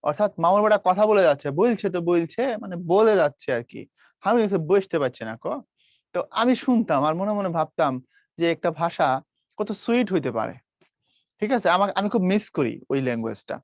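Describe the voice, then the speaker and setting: A man's voice: high-pitched, sing-song, fairly quick, dry recording, clean studio sound. A man from Bangladesh teaching a live online class, quizzing students and imitating regional dialects. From Brahmanbaria, Bangladesh.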